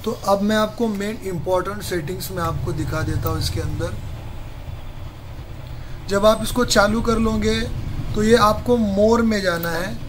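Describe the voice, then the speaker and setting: A mobile repair technician with a high voice and measured pace guides viewers step by step through a camera setup in his phone repair workshop. Chatty and friendly, he calls them brother in this casual how-to. The room is noisy with street traffic.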